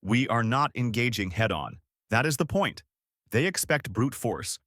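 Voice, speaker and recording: A man voicing a calm, focused male starship commander giving firm, decisive orders. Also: mid-range voice, measured pace, dry recording, clean studio sound. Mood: determined.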